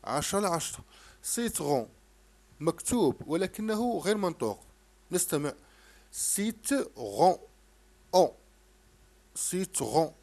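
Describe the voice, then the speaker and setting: A man's voice: a little high, very animated, vocal fry, darkish tone. Patient Algerian man teaching phonics. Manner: patient, repeats syllables slowly and firmly. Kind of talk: home French phonics lesson explained in Arabic.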